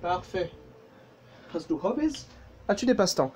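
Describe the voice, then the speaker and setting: A man's voice: high-pitched, big pitch swings, measured pace, noisy background. A man with a French accent giving a casual, jokey language lesson, full of fillers and self-corrections. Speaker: German teacher.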